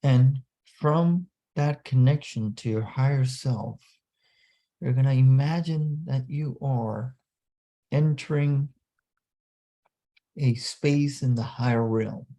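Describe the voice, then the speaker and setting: Slow, gravelly man leading guided meditation. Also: medium pitch, mellow. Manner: deliberate, short phrases with pauses for an interpreter. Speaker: spiritual seminar leader.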